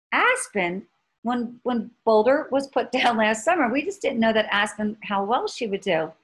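Chatty rambling woman, fairly high voice. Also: poor audio. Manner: chatty, rambling storyteller with many restarts. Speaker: podcast co-host. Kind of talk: casual chat.

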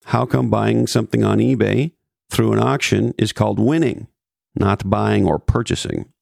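A man's voice: fairly low pitch, normal speed, vocal fry, darkish tone, dry recording, clean studio sound. A man presenting scripted business commentary as a podcast host, with emphatic repetition and wry asides.

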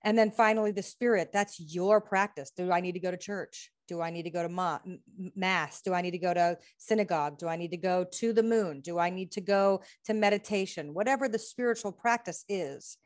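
As a guest in a conversational interview, an American woman who is a healing practitioner and author speaks earnestly with a lowish voice, a little fast and with few pauses. She goes through lists of questions and laughs frequently.

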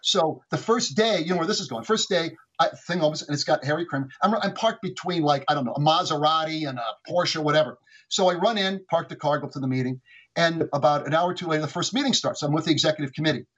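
A man with a slightly high, husky voice races through a career story, stumbling and restarting as he goes. The sound is dull and lo-fi, like a remote line. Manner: quick, animated, frequent restarts. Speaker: guest, former executive. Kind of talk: anecdotal storytelling.

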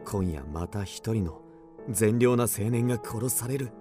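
A man's voice: fairly low pitch, unhurried, over music, lightly acted. An actor playing an agitated, obsessed man recounting an eerie mystery in dramatic radio drama narration, with theatrical swings. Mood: determined, tense. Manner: suspenseful, theatrical, with sudden swings.

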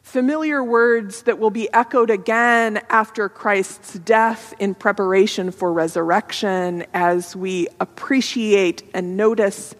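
A woman's voice: mid-range voice, big-room sound. A woman pastor giving a sermon in a reflective, conversational way, in a church sanctuary.

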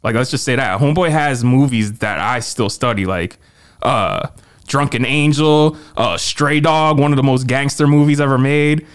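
Clear-voiced man in animated film chat. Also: mid-range voice, moderate pace. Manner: animated, slangy, profane. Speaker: podcast co-host.

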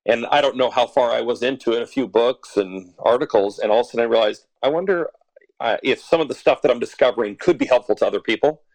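On a podcast interview, a forties-aged author from Alberta in western Canada talks thoughtfully, with frequent fillers and chuckles. He speaks fast in a mid-range, slightly mellow voice; the audio is poor, with no room sound.

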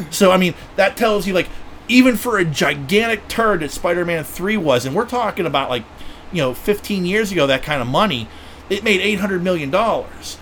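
Excitable man chatting on a podcast. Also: high-pitched, normal speed, slight background noise. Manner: excitable, profane fan talk with many fillers. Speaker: podcast host. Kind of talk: casual chat.

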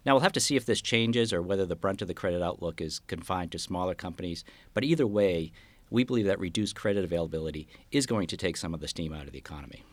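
Low-voiced man giving market commentary. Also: fast. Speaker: investment strategist guest. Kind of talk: market outlook commentary in an interview.

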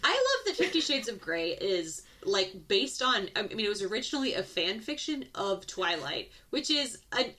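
A woman's voice: mid-range voice, big pitch swings, moderate pace, few pauses, sharp tone. A young woman co-hosting a podcast in casual chat, gushing and giggly, full of "like" fillers. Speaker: podcast co-host.

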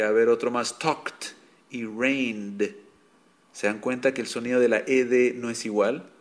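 A man teaching an online language lesson, patiently explaining rules step by step and repeating examples for his students. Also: medium pitch. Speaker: English teacher.

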